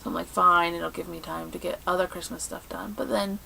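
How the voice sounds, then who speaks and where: A woman co-hosting a podcast in casual chat, telling stories in an animated, exasperated way. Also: lowish voice, a little fast, vocal fry, slight background noise, rough recording. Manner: animated, exasperated storytelling with laughs. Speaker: podcast co-host.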